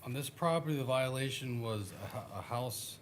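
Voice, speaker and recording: A man's voice: medium pitch, normal speed, slight background noise. An American man testifying formally as a code enforcement officer. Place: public hearing room.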